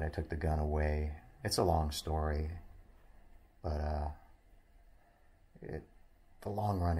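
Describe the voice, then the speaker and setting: Middle-aged male vlogger, very deep husky voice, halting casual talk to a handheld phone. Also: warm tone. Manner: reflective, halting, with many fillers and restarts. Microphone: handheld phone at arm's length.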